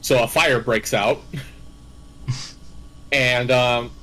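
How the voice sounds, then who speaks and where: A man telling a game story in easygoing casual chat, his voice sitting at an ordinary male pitch. He rambles, restarts his sentences and laughs along the way as he hosts. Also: fairly even intonation, very slow, sharp tone, low-quality recording. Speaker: host recapping game villains.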